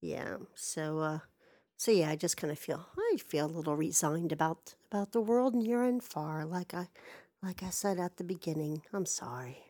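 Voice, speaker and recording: Low-voiced woman telling an exasperated story. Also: expressive, moderate pace, mellow. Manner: rambling, exasperated, swears freely. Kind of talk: casual personal storytelling.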